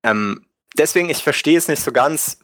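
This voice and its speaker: A man's voice: on the high side, animated, moderate pace, fairly bright tone, dry recording, studio quality. A man hosting a casual gaming podcast, rambling with many fillers and asking his co-hosts for their views.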